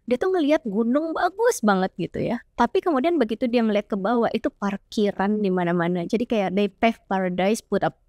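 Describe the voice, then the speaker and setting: A woman musician in a casual interview, telling lively stories and now and then singing a line. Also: mid-range voice, brisk, few pauses, no echo. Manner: animated storyteller, breaks into song snippets. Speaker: musician guest.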